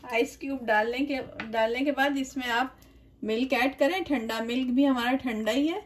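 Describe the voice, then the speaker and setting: A woman's voice: sits high, moderate pace, a little hiss or hum. Friendly woman hosting a home cooking video. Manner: gentle, friendly, with religious greetings and blessings; chatty, loose step-by-step explaining with restarts. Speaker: cooking channel host. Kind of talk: home cooking tutorial voice-over. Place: home kitchen.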